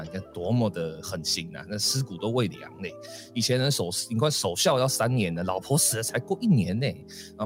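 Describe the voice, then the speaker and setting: A man hosting a podcast, casually telling a folk ghost story with many fillers and acted voices. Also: mid-range voice. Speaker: podcast host.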